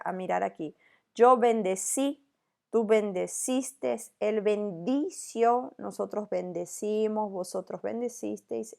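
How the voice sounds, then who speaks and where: Slow, gravelly-voiced woman teaching Spanish. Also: medium pitch, darkish tone. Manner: slow, deliberate, drills conjugations with frequent "¿tá?" checks. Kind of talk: recorded online grammar lesson.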